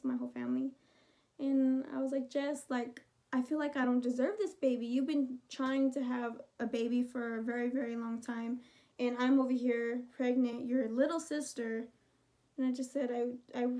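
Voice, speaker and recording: Chatty young woman, high mellow voice. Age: 20s. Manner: chatty, rambling, heartfelt. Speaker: vlogger. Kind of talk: casual storytelling vlog.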